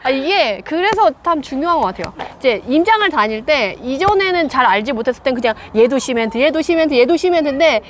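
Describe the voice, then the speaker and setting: A woman with a high, bright voice that swoops up and down as she talks. She speaks fast and with lots of energy, acting out the agents she quotes in lively voices, over a faint hum in the background. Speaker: real estate investment guest. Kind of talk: casual discussion.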